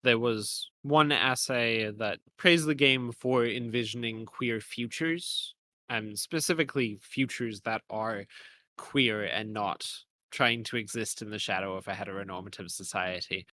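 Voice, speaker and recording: Unhurried and forceful, this man has a bright voice on the low side. As a podcast co-host, he mulls over ideas in a casual, analytical way, hedging through long, meandering sentences while slight background noise plays.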